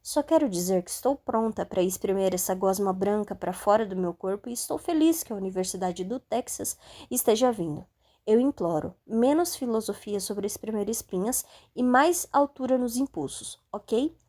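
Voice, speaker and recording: A woman's voice: medium pitch, animated, moderate pace, warm tone, lightly acted. A woman voicing a blunt, impatient young woman athlete.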